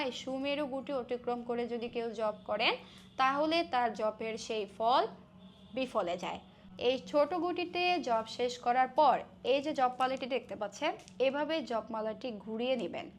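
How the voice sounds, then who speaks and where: A woman with a Bengali accent explaining devotional chanting step by step, slowly and melodiously intoning the mantras in between. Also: high voice. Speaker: devotional instructor.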